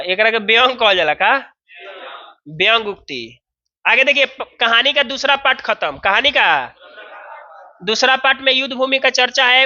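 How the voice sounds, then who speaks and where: Bihari Hindi teacher, chatty, quizzes students, crisp bright tone, muffled recording. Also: male voice, very high-pitched. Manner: chatty, asks students questions. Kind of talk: explaining a story in class.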